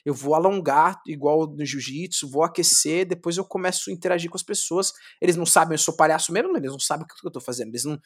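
A young man from Brazil, a street clown, telling his story in a casual interview, lively, swearing often and acting out what he said back then. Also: on the high side, fast talker, hardly any pauses, breathy edge. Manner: animated, swearing, acts out his own past words.

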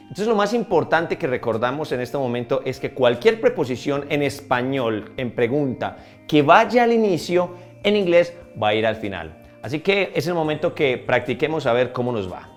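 Lively male English teacher, slowed examples. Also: medium pitch, faint music behind. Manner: lively, repeats English examples slowly and clearly. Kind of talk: casual online English lesson.

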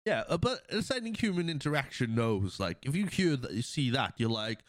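A man's voice: medium pitch, brisk, no room sound. A man hosting a podcast, retelling a film scene by scene in casual chat while sniffling from a cold. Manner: animated storytelling, acts out quotes, laughs often. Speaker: podcast host. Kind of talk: casual movie recap chat.

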